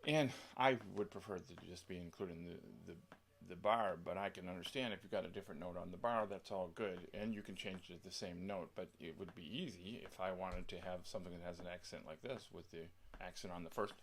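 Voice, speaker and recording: A man giving a casual software tutorial, thinking aloud and rambling with many pauses and restarts. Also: deep voice, slight background noise. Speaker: music software tutorial presenter. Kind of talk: casual screen-share tutorial.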